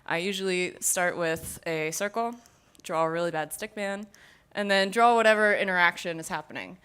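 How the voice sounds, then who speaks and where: A woman's voice: on the low side, moderate pace, a bit bright, smooth. A young woman giving a casual conference talk on VR design, speaking into a stage mic and filling her sentences with "like.". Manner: casual, filler-heavy, many "like"s.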